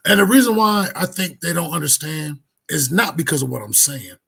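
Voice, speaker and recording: Man, bible teacher, gravelly, husky, casual emphatic talk. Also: on the high side, a little fast, fairly bright tone. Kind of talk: commentary on a debate clip.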